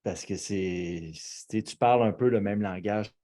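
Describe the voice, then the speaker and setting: A man's voice: lowish voice, measured pace, mellow. A man with a Quebec French accent, hosting a casual chat and praising his guest. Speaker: host.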